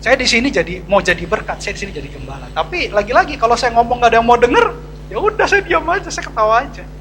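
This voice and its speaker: A man's voice: sits high, lively intonation, racing, a bit bright, slight background noise, poor audio. A man, a pastor, preaching a sermon to a church congregation in a chatty, confiding way with slangy asides. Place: church service.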